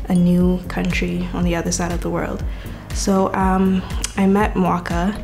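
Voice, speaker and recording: A woman in her twenties recounts her faith journey in an earnest, thoughtful way. Her voice sits a little low and gravelly, with little rise and fall, and soft music plays behind her. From Caribbean. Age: 20s. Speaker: university student giving testimony. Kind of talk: personal testimony.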